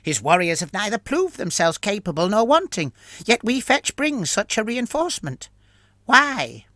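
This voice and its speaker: A squeaky, curious ratman soldier, as a man puts him on, asking questions in clipped and broken grammar. His pitch climbs and jumps as he speaks. The sound is dry and close. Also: sing-song, normal speed, pushed and bright, no echo, exaggerated voice. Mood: questioning. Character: curious male ratman soldier escorting an engine.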